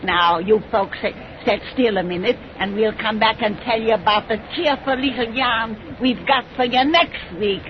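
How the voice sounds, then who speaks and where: A woman's voice: a little high, close to an everyday voice. A woman playing a gleeful, folksy 110-year-old witch with a cracked, cackling voice, in old radio horror style. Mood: sly glee. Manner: folksy rustic dialect, gleeful, drawn-out words. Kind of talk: 1930s radio horror acting. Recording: muffled, noisy old radio recording.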